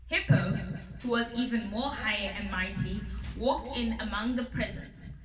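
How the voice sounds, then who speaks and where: A woman's voice: a little high, a little hiss or hum. Woman reading a children's story aloud. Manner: unhurried, with small slips and restarts. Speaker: storybook reader. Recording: roomy sound from a distant mic.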